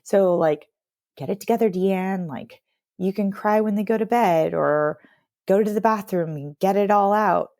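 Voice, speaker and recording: A woman in her thirties, a podcast guest, talking candidly and haltingly with many fillers in a close-mic interview. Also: mid-range voice, darkish tone, dry recording.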